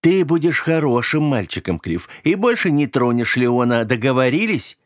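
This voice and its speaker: A man voicing a friendly-sounding but menacing young man who switches between easy cheer and cold, clipped calm in an audiobook. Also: medium pitch, normal speed, dry recording, studio quality, pitched above the performer's own voice, natural voice. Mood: breezy. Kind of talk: audiobook character voice.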